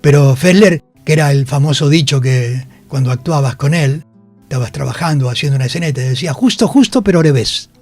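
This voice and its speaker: Faint music plays behind the older Rioplatense actor as he speaks fairly quickly in a fairly high, slightly mellow voice. Interviewed through a radio studio microphone, he recounts anecdotes and performs the quoted lines himself.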